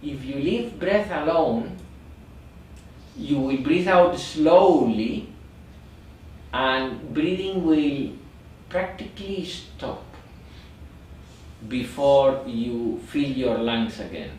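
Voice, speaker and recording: Slow-speaking male meditation teacher in an echoey room. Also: mid-range voice, expressive, a little mellow, a little hiss or hum. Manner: slow, repetitive, searching for words. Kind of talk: guided meditation instruction. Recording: echoey room, mic far off.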